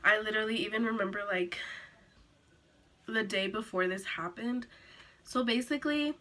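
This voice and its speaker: A teenage girl telling a sit-down story to her camera, rambling with lots of "like"s and restarts, a little hoarse from being sick. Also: mid-range voice, normal speed, sharp tone. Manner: rambling, filler-heavy, many "like"s and restarts. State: recovering from illness, coughing. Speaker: vlogger.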